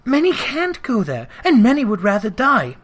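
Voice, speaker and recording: Storyteller playing a portly charitable gentleman, courteous, formal, earnest, lively rise and fall, storybook reading. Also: mid-range voice, moderate pace, voice pushed up. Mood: earnest, appealing. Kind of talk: dramatic storybook character reading.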